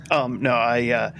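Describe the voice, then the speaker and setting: A man's voice: mid-range voice, vocal fry, a bit bright, slight background noise. A man running a tabletop game as game master, talking in a hesitant way with many fillers and restarts.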